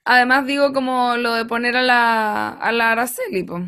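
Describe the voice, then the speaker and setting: A woman, a guest on a podcast, talking casually and often pausing to search for words. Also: on the high side, steady tone, pushed and bright, clean tone. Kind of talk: casual chat.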